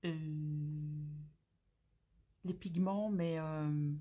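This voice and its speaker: A woman's voice: sits low, fairly even intonation, drawn-out words, dark tone. Gushing woman hosting a craft unboxing. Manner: gushing, exclamatory, slangy. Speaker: craft channel host. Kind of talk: casual unboxing commentary.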